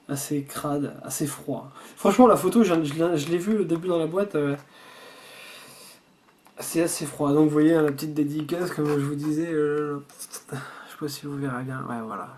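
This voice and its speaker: A man's voice: fairly high pitch, slight background noise. A man chatting casually while unboxing a subscription box at home, rambling and swearing freely. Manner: rambling with frequent restarts.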